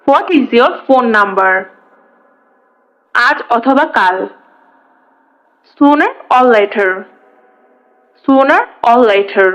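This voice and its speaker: A woman teaching English, reading each phrase in Bengali and then saying the English twice. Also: high-pitched. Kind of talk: reading phrase drills aloud. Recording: dull lo-fi sound.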